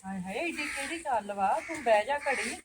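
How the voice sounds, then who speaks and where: Poor village mother of twin boys, played by a woman: fussy, exclaiming, firm refusals, slightly high voice. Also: expressive, fairly quick, noisy background, natural voice. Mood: fussing. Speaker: sister-in-law.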